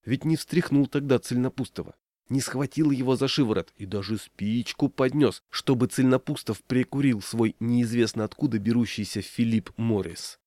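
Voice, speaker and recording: A man narrating a story in a measured, ironic way. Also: medium pitch, mellow, no echo, studio quality. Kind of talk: audiobook storytelling.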